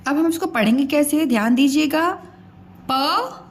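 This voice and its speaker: A woman teaching young children a grammar lesson, slowly sounding out words syllable by syllable. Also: high voice, sing-song.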